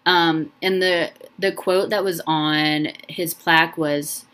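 Alone at the mic for her casual podcast, a young woman speaks slowly in a low voice with fairly even intonation. She rambles tenderly, full of ums and restarts, and sounds emotional enough to cry.

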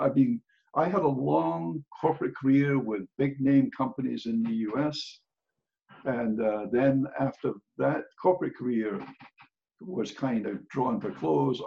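A man's voice: medium pitch, gravelly, dull audio. An older man with a Scottish accent, speaking as a guest in a casual podcast interview, blunt and plain-spoken with dry humor. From Scotland.

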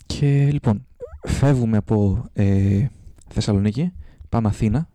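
A Greek man on a casual podcast, telling a long story and jumping into high, excited voices for each character. His voice is dark and mellow, recorded close in a dry room. He stumbles and restarts as he goes. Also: dry recording. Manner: animated storyteller, acts out voices with high pitch jumps; halting, many restarts. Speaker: podcast co-host.

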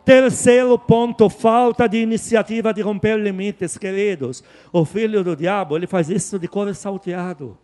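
High-voiced emphatic male preacher. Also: moderate pace, hardly any pauses, faint music behind. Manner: emphatic, repeats key words, swings from hushed to loud. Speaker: pastor. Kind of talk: sermon.

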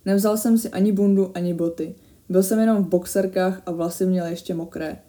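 A woman reading a first-person horror story aloud in a steady, measured way that grows tense at the scary moments. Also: fairly low pitch.

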